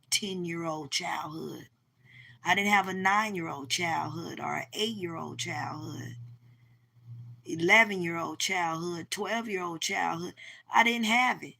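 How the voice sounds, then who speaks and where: A woman who is losing her voice, speaking in a slow, heartfelt way and often repeating herself for emphasis as she shares a personal story. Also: lowish voice, creaky, bright, forceful tone. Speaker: vlogger. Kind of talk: personal testimony to camera.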